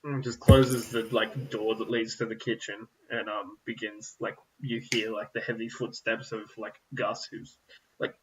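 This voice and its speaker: Slow, rambling game master, a man. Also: on the low side, level tone, slight background noise, poor audio. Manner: meandering, full of "like" and "um". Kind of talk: narrating a tabletop game.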